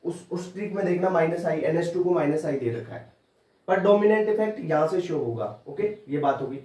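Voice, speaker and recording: A man's voice: on the high side, expressive, normal speed, warm tone. A man teaching chemistry for an exam, talking informally and repeating points over and over to drill them in. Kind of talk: exam-prep lecture. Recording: roomy classroom audio, mic at a distance.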